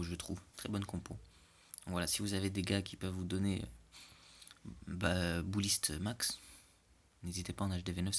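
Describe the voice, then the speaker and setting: A man giving casual, joking commentary over game replays, chatty and often checking in with the listener. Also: deep voice. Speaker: clan war replay commentator.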